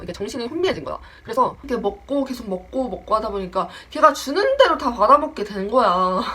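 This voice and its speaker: A young woman in her twenties telling a casual story about a friend, acting out the lines in different voices. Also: fairly high pitch. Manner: animated, acts out the quoted lines in voices. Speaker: storytelling vlogger.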